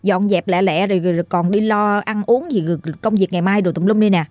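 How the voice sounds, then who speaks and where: A woman voicing a sharp-tongued, irritated young woman who bosses and snaps at her friends. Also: mid-range voice, fast, no room sound, lightly acted. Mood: scolding. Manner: bossy, snapping.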